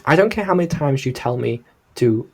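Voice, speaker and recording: Husky Scouse man giving casual opinions. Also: medium pitch, expressive, brisk, a little mellow. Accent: Liverpool Scouse. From Liverpool, England. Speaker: reaction video host.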